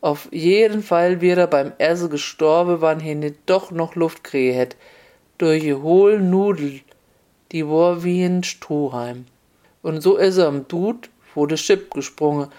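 A storyteller with a narrates a comic folk tale in a relaxed, wry manner. The voice sits at a middling pitch and moves at an unhurried, even pace.

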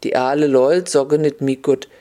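A storyteller reading a tale in Upper Hessian dialect, drawing out key words slowly. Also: mid-range voice, fairly even intonation, dark tone.

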